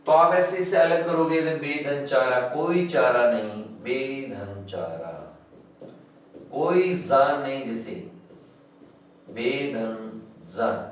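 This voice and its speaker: A man teaching Hindi grammar for exam coaching, dictating words slowly and drawn out. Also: a little high, a little hiss or hum. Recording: echoey room, distant mic.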